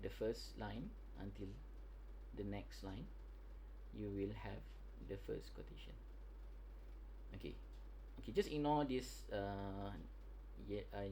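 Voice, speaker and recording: A man with a Malaysian accent gives an informal software tutorial to a class in colloquial Malaysian English, halting and repeating himself as he checks that listeners follow. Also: on the low side, a little hiss or hum, poor audio. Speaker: software trainer.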